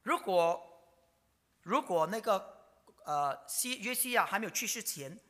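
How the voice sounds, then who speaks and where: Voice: medium pitch, expressive, a little slow, fairly bright tone. A preacher gives a dramatic sermon, full of rhetorical questions and sudden whispers. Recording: long reverb of a large hall.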